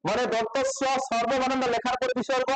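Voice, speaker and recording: A man's voice: very high-pitched, flat delivery, quick pace, faint music behind, rough recording. A man teaching a grammar lesson to a class in style speech, constantly asking questions and repeating the answers.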